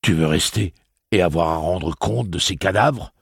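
A man's voice: deep voice, normal speed, creaky, husky, dry recording, studio quality, full character voice. A man playing a hardened, stern gunslinger who speaks harshly and solemnly.

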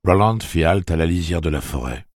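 A man narrates a novel in a deep, husky voice with a lively, dramatic sweep of pitch. The recording is close and dry, with no room sound. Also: brisk, no room sound. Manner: expressive dramatic reading. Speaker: audiobook narrator. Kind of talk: scripted narration.

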